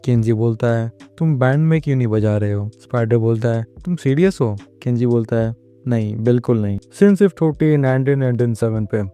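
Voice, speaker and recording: A man's voice: medium pitch, fairly quick, warm tone, smooth. A man narrating a manga plot recap, retelling scenes line by line and reading the characters' lines in his own plain voice.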